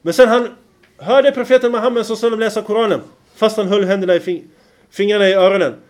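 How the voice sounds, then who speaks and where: A man giving a religious lecture, often pausing to check that his listeners follow and reciting Arabic verses in a chanting lilt. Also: high-pitched, fairly even intonation, darkish tone. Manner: keeps checking the listeners follow, with rhetorical questions. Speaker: preacher.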